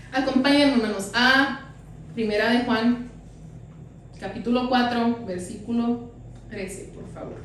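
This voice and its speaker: A woman's voice: on the high side, far from the mic, a little hiss or hum. Woman pastor preaching in an echoey hall. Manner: testimony told with acted quotes. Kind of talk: sermon.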